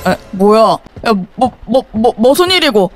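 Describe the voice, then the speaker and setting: A woman's voice: a little high, big pitch swings, measured pace, faint music behind. A woman game YouTuber giving playful role-play commentary, exclaiming and fussing over a baby character as she plays.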